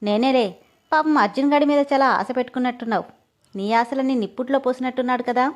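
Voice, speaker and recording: A cheeky young man who keeps ribbing his friend with a grin in his voice, read by a female storyteller. The voice stays fairly high and light and plays every jab as a joke. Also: fast, natural voice. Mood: teasing. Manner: mocking and playful. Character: teasing, joking young man.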